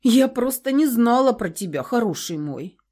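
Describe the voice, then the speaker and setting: A woman reading an audiobook, voicing a lively, outspoken young woman friend. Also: fairly high pitch, normal speed, pitched above the performer's own voice. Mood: gentle. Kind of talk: audiobook character voice.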